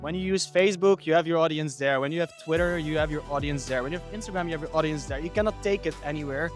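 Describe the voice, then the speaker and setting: A man hosting a casual podcast, speaking in a brisk, blunt way. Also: a little high, faint music behind. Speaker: podcast host.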